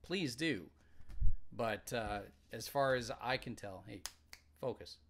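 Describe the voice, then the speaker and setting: A man co-hosting a casual talk show, speaking in a relaxed, rambling, joking way. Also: medium pitch, takes it slowly. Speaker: podcast co-host. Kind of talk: casual chat.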